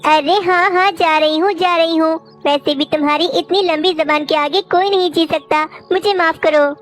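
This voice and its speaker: A woman's voice: extremely high pitch, steady tone, moderate pace, soft background music. A woman voicing a nosy, teasing female neighbour bird in a cartoon. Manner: teasing, meddling.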